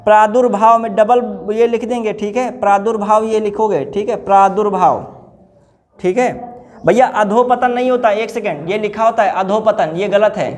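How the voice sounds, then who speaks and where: High-voiced man drilling spelling. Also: a little mellow. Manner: drills words by repeating them and quizzing students; addresses listeners informally as brother. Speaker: teacher. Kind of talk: exam-prep spelling lesson.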